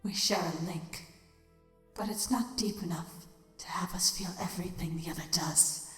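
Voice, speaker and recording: A woman voicing an old dying changeling queen in an audio drama, breathy and half-whispered, sinister yet tender, solemn and deliberate. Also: lowish voice, fairly bright tone, natural voice. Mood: hushed, instructive. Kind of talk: dramatic audio fiction acting. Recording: heavy echoing reverb, music underneath. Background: music.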